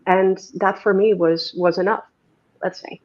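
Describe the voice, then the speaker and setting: A Dutch woman from the Netherlands speaks as a guest in a casual interview, her steady, mid-range voice slightly slow and mellow. Her thoughts ramble through fillers and restarts, and the recording sounds a little dull and lo-fi.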